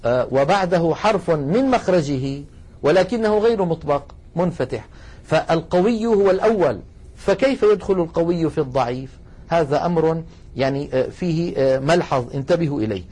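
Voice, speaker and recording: A man teaching the rules of Quran recitation in a recorded lesson. He explains patiently, speaks to his listeners as brothers and slows right down to recite each example. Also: fairly high pitch, a little mellow, husky.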